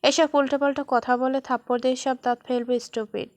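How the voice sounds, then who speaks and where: A woman voicing a stern, teasing young man who scolds and then speaks gently to his beloved in a storybook reading, her voice fairly high. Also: level tone, a little fast, dry recording, close to an everyday voice. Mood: stern tender. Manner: scolding then tender, mixes English words.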